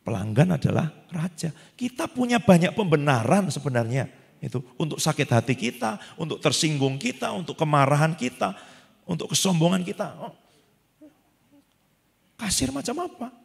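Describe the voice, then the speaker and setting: A man preaching a sermon as pastor, animated and acting out the people he quotes. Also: fairly high pitch, a little fast, gravelly, breathy edge. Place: church hall. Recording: long church hall reverb.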